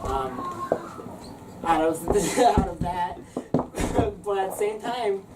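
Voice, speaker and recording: A woman's voice: mid-range voice, lively intonation, drawn-out words. A woman co-reviewing a film in casual chat, hesitant, with stammering restarts. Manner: hesitant, stammering restarts, then jokey outbursts. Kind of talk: casual comedic movie review. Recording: distant mic with noisy background.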